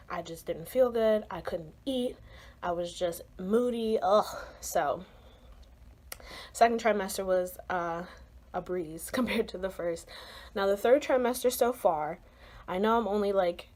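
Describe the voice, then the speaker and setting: A woman's voice: mid-range voice, a little mellow. A young adult woman chatting casually in her own vlog, bubbly and talkative with lots of "um" and "like". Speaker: vlogger. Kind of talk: casual pregnancy vlog chat.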